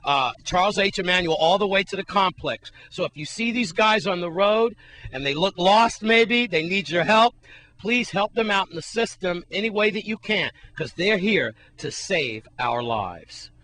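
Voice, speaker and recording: A man's voice: high-pitched, animated, normal speed, bright, forceful tone, dry recording, poor audio. A man, reporting from the field for a local TV news station, stressing and repeating key words. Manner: emphatic, repeats key words, asks viewers to remember.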